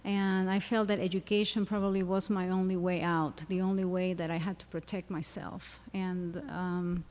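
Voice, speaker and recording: A middle-aged woman from Peru with a Peruvian Spanish accent, speaking earnestly and haltingly with many fillers on a panel. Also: on the low side, flat delivery, a little mellow. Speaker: psychologist panelist. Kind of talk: panel discussion talk. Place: university lecture hall. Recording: long hall reverb.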